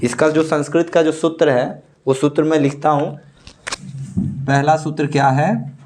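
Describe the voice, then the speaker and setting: A man teaching a grammar lesson for board exams, slowly explaining each point and drawing out the rules he recites. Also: a little high, steady tone, darkish tone, a little hiss or hum. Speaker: Sanskrit teacher. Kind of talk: board-exam grammar lecture.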